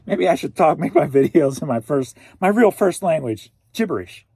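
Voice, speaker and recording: Chatting goofily to himself while packing online orders, this reseller in his forties from St. Louis, Missouri has a voice on the high side. It is sing-song at normal speed, with vocal fry, a dark tone and a breathy edge, and the recording has no echo.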